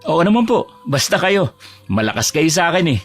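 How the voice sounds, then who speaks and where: An actor playing a tired fish-vendor husband, respectful with customers and exasperated at home. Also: male voice, fairly high pitch, very animated, normal speed, faint music behind. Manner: respectful with elders, exasperated with wife.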